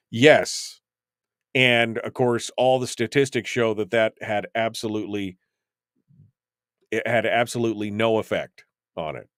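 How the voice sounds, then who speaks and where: On a talk radio show, a lowish-voiced male host reads out listener comments and responds with rambling, opinionated takes packed with ums and restarts. The sound is dry and studio quality.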